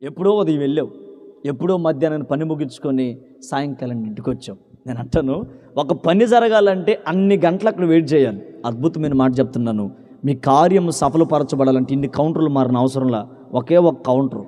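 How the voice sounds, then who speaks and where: High-voiced preacher in a hall. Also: male voice, fairly quick. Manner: shifts from loud preaching to low conversational storytelling, calls for hallelujah. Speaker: pastor. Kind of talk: sermon. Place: church hall. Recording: long reverb of a large hall.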